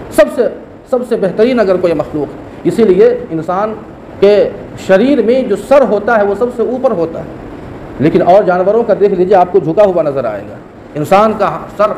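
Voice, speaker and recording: A man preaching a Friday sermon, emphatic, repeating key phrases and reciting Arabic verses quickly. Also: high-pitched, darkish tone, slight background noise. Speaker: mufti preacher.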